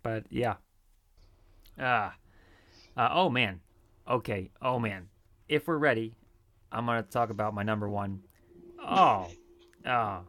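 A man's voice: on the low side, takes it slowly, long pauses, fairly bright tone. A man co-hosting a podcast, chatting casually and acting out quoted lines with laughter. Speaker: podcast co-host. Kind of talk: casual chat.

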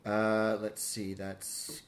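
A woman's voice: extremely low pitch, monotone, drawn-out words. A woman player in a tabletop game, working through her dice totals aloud.

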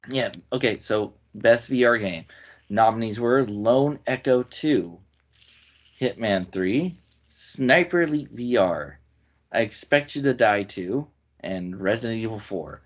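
A man's voice: on the low side, lively intonation, takes it slowly, muffled recording. A man hosting a casual chat, leading his friends through a list of categories, his voice getting worn. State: losing his voice. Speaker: podcast host.

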